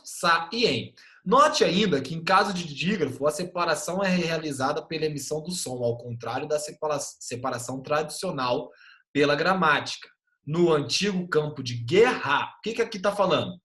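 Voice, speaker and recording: Guy teaching class online, bouncy voice, keeps going "ok?", echoey room. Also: on the high side. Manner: animated, keeps checking in with tag questions.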